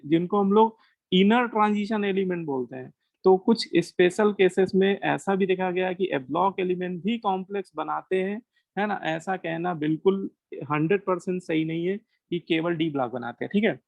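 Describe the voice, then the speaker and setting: An Indian man lectures a chemistry class in a high-pitched voice with a gravelly edge. He fires questions at his students and answers them himself, moving between Hindi and English. The sound is dry, with almost no room echo. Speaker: chemistry teacher.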